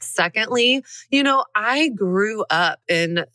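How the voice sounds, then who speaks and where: Texas-raised woman in her 30s doing a solo podcast, chatty and candid, crisp bright voice, dry studio sound. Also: medium pitch, lively intonation, slow pace, no echo. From Dallas, Texas. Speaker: podcast host. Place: recording studio.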